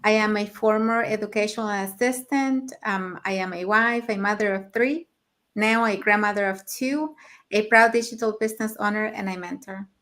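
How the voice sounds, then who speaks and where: A woman's voice: mid-range voice, steady tone, normal speed, fairly bright tone. A middle-aged woman from Mexico, a grandmother, speaking plainly on an online panel. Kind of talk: casual panel chat.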